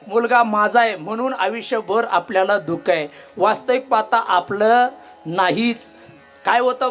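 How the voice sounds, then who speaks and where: A male kirtan preacher delivers a devotional sermon in a lively, joking manner. He slips into the voices of villagers and keeps firing questions at his listeners, with soft instrumental music in the background. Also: extremely high pitch. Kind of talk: devotional sermon with humorous storytelling.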